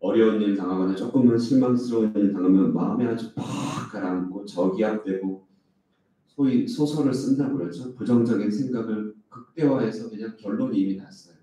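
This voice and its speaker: A man's voice: lowish voice, a little fast, dark tone. A male pastor preaching an early-morning sermon, asking the congregation rhetorical questions and acting out complaints in a raised voice. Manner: acts out quoted complaints in a raised voice. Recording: echoey hall, speaker far from the mic.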